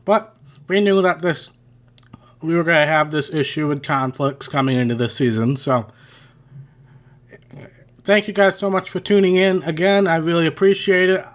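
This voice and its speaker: A gaming channel host with a voice on the high side rambles chattily through a racing game playthrough at normal speed, correcting himself and leaving long pauses. Hours of talking have worn his voice.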